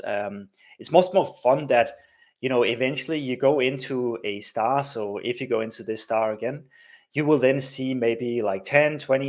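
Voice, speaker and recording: In a casual live-stream walkthrough, a medium-pitched Danish host talks through his coding in a chatty way. Fillers and tag questions crop up constantly.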